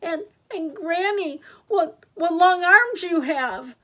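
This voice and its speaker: A woman voicing a sweet, polite, naive little girl in a storybook tale, earnest and halting. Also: high-pitched, a bit bright, pitched above the performer's own voice. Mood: hesitant, amazed. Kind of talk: storybook character voice.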